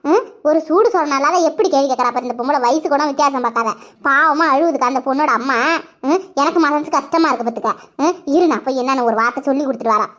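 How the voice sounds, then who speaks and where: Fast-chattering high-voiced woman, lo-fi. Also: a bit bright. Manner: chatty, gossiping, laughs while talking. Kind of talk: cartoon village gossip voice-over. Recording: slightly dull lo-fi audio.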